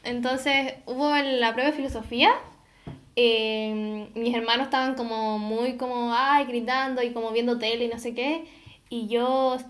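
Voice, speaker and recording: A woman's voice: a little high, fairly even intonation, moderate pace, fairly bright tone. A teenage girl with a Chilean accent, chatting casually with friends about school and selling online. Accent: Chilean Spanish. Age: teens. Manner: chatty, acts out quotes of herself. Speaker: student, online shop owner. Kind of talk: casual chat.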